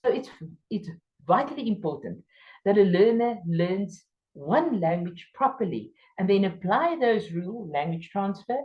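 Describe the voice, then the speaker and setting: In a muffled recording of a workshop lecture, a South African woman with an Afrikaans accent trains teachers in English, her second language. She is expressive and emphatic at a measured pace, stressing key words through sudden jumps in pitch.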